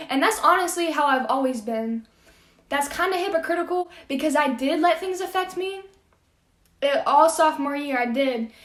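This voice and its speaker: A teenage woman vlogging in a frank, chatty way. She laughs often and trails off into soft asides. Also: high-pitched. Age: teens. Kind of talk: casual vlog monologue. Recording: echoey room.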